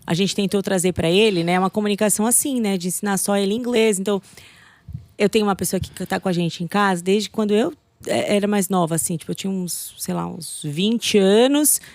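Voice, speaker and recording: A middle-aged woman talks at a quick clip as a guest on a podcast. She tells stories with energy and acts out the voices of the people she quotes. Her voice is close and dry, with a middle pitch. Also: no echo. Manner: lively storytelling, acting out quoted voices. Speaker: English teacher guest. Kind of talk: casual podcast chat.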